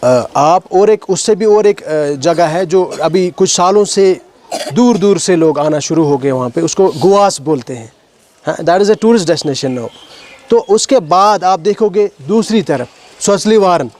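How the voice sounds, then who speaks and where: Kashmiri-accented male walk leader, fairly high pitch, talks to schoolchildren outdoors, explanatory, asks them questions. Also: expressive, a little mellow. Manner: explanatory, asks questions of the children, mixes in English words. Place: outdoors at a stone heritage site.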